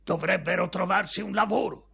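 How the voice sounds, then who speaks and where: A man voicing a gruff, hot-tempered, scornful father who barks his lines loudly. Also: sits high, fairly quick, voice pushed up, exaggerated voice. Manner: loud, barking and contemptuous.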